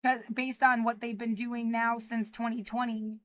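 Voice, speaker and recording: An anxious woman in her mid-thirties talks straight into her phone or webcam in a rambling livestream, stopping and restarting often. Her voice sits a little high. The sound is close and dry, with no room behind it. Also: level tone, normal speed, a bit bright, no room sound. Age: 30s. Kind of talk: livestreamed personal monologue.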